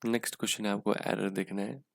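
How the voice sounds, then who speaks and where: A man's voice: lowish voice, flat delivery, quick pace, creaky, no echo. A man with an Indian accent teaching an exam-prep English lesson in Hindi, checking in with "theek hai" as he explains each answer. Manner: explains in Hindi with English terms, frequent "ठीक है".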